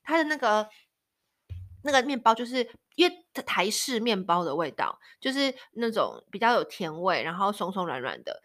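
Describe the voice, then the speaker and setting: A woman's voice: medium pitch, sing-song, normal speed, a bit bright. A woman in her thirties from Taiwan with a Taiwanese Mandarin accent, hosting a casual storytelling chat. She laughs often and acts out the voices of people in her stories. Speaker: podcast host.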